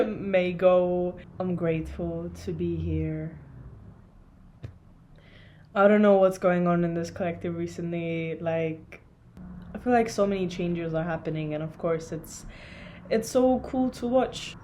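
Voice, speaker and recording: A young woman from Estonia talking to a camera in a casual, reflective vlog, soft and searching, with many pauses. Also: fairly low pitch, fairly even intonation, a little hiss or hum. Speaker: vlogger.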